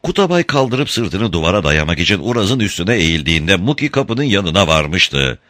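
Deep guy reading an audiobook, very lively delivery, dry close mic. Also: normal speed, no room sound. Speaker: narrator. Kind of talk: audiobook narration.

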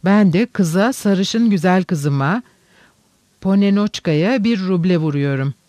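Man putting on a timid old hanger-on, mumbling and slow, fairly high voice, dry. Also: lively intonation, darkish tone, dry recording. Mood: sheepish.

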